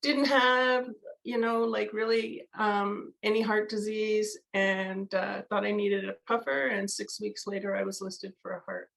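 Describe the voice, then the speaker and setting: A woman's voice: medium pitch, steady tone, unhurried, vocal fry, fairly bright tone, low-quality recording. A woman from Canada, a guest in a casual interview, candid and conversational with many fillers. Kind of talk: casual video-call interview.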